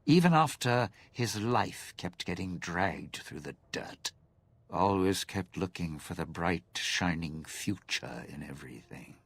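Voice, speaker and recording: An actor playing a bitter, vengeful lounge singer who schemes and sneers, in video game dialogue. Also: male voice, low voice, lively intonation, creaky, breathy edge, no echo, full character voice. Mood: scornful. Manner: sneering, drawn-out, sly.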